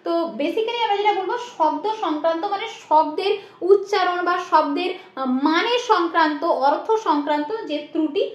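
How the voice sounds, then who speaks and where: A woman's voice: very high-pitched, moderate pace, reverberant, lo-fi sound. A woman from West Bengal teaching an exam-prep lecture, explaining with rhetorical questions and frequent checks like "right?".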